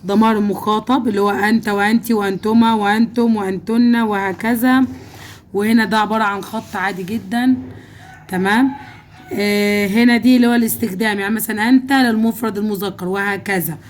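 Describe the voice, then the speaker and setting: Female Egyptian teacher, patient worksheet walkthrough, mid pitch, faint background hiss. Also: fairly even intonation, fast talker. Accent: Egyptian Arabic. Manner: patient, checks in with "okay?" often. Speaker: Arabic teacher.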